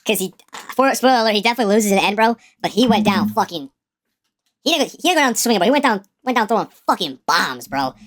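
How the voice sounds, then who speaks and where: A female music reaction streamer gives casual commentary on songs, slangy and profane, often repeating words as she stumbles. Her mid-range voice is animated and fast, with a song playing faintly in the background.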